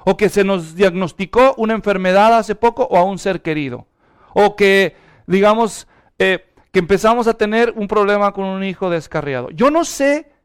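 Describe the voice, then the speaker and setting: A man preaches a lively sermon in a high-pitched voice. His tone is smooth and clear, and he keeps urging his listeners to turn to one another and speak. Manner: animated, urges the congregation to respond aloud. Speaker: pastor.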